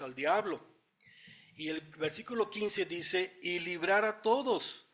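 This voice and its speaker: A man with a Mexican Spanish accent preaching a Bible study sermon, explaining word meanings in a teacherly way, thinking aloud with small fillers, and reading scripture slowly. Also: a little high, a bit bright.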